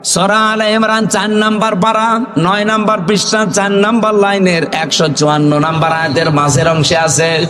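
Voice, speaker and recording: A man with a Bangladeshi accent preaching an Islamic sermon in a booming, forceful voice, prompting his listeners with questions. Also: level tone, normal speed. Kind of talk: waz sermon to an audience. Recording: long reverb of a PA system.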